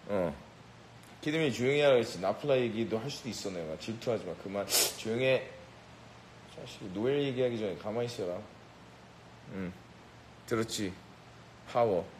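Brash, boastful man with a lowish voice. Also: animated, normal speed, long pauses, a little mellow, slight background noise, rough recording. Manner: brash, boastful, mock-bossy. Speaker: rapper addressing a live audience. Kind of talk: teasing live banter.

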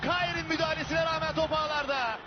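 Man, football commentator, very high-pitched, excited shouting delivery, dull and very noisy broadcast audio. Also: fast talker. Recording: noisy, muffled old broadcast.

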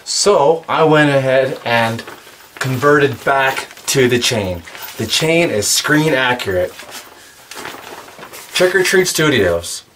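A man in his forties chats casually and eagerly about horror cosplay props, filmed from a distance in a cluttered indoor room packed with horror collectibles, in a show-and-tell vlog style. His voice is medium-pitched and fairly bright, with lively intonation, a slow pace, and frequent pauses. A little hiss or hum sits under the recording.

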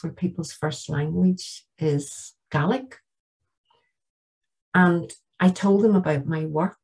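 A woman's voice: fairly low pitch, a little mellow, husky, poor audio. A middle-aged woman with a Northern Irish accent giving an earnest, plain-spoken lecture with slides in a church. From Northern Ireland. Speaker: guest lecturer.

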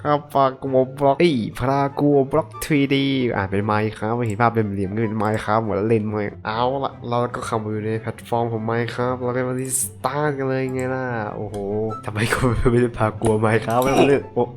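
A young man casually commentating web games as he plays them, excitable and joking, often swearing at himself. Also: lowish voice, fairly quick, hardly any pauses. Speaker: gaming channel host.

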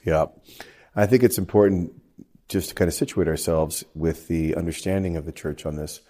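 Deep-voiced priest, laid-back and chuckling. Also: male voice, steady tone, moderate pace, warm tone. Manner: easygoing, laughs often, teaching tone. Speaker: priest and podcast co-host. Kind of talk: casual conversational podcast.

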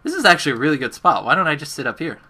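A man's voice: fairly high pitch, sing-song, racing, sharp tone, slightly rough. A young man casually commenting on his gameplay during a livestream from his bedroom, chatty and self-deprecating as he talks to his viewers. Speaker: gaming livestreamer. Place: bedroom at home.

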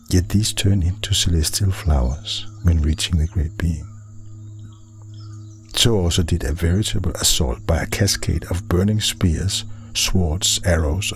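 A man, a Buddhist monk, reading a scripted story aloud in a dramatic, deliberate way. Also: low-pitched.

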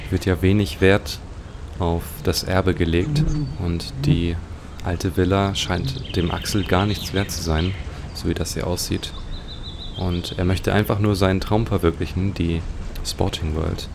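This let's play host speaks in a low, steady voice without hurrying, casually wondering aloud as he describes the game he's playing. Background noise is clearly present in his home recording.

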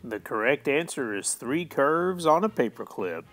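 A man's voice: mid-range voice, sing-song, a little slow, over music. A man hosting a school quiz segment, speaking in a playful quiz-host manner as he narrates questions and answers. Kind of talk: scripted narration.

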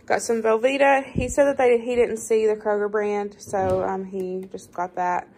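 A woman's voice: mid-range voice, flat delivery, normal speed, a little mellow, slight background noise, low-quality recording. A woman with a Southern US accent, chatting casually to camera at her kitchen table and saying y'all often. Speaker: vlogger showing a grocery haul.

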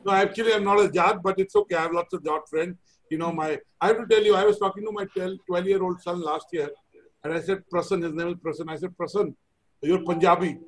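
Interview host: middle-aged man, Indian accent, high-set voice, conversational and anecdotal. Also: fast talker, low-quality recording. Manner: chatty, anecdotal, self-deprecating. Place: indoor room, video call. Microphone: video call.

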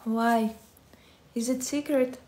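A Russian woman in her twenties, a livestreamer with a Russian accent, chats casually with viewers from her phone held at arm's length in her bedroom, softly thanking them, reading chat and answering questions. Her voice is a little high with fairly even intonation, and she takes it slowly in a soft, friendly manner.

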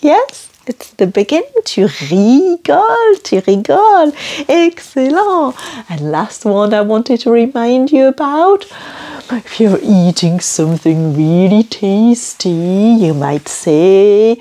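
A woman's voice: sing-song, takes it slowly, dark tone. A woman with a Geordie accent teaching French sounds to children in an exaggerated, sing-song way. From northeast England. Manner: exaggerated, sing-song delivery with big pitch leaps. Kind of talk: slow, animated lesson for children.

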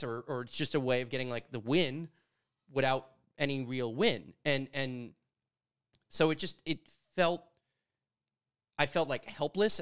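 A Canadian man in his thirties talks through ideas in a casual conversation, his tone clean as he speaks into a boom-arm studio mic in a brick-walled studio. He is animated, gesturing as he tells stories.

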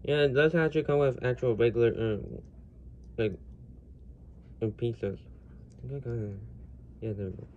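A man giving a casual, unscripted toy review, rambling with many fillers and restarts and getting loud at times. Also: mid-range voice, steady tone, normal speed, pauses often, narrow, tinny audio. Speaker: Lego reviewer. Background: faint household noise.

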